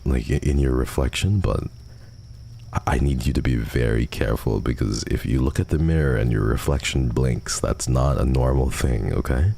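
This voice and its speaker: A livestream host with a gravelly bass voice and dark tone chats casually and answers viewer messages at a normal speed. He's close to the mic, with faint background noise.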